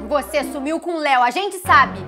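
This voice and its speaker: A woman's voice: sits high, moderate pace, close to an everyday voice. A young woman playing an earnest, exclamatory adventurer girl in a children's show. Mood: accusing. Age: young adult. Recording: music behind the voice.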